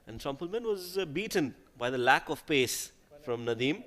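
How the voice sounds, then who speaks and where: A man's voice: a little high, lively intonation, moderate pace, fairly bright tone. A man giving live cricket commentary in a conversational way, putting questions to his co-commentator.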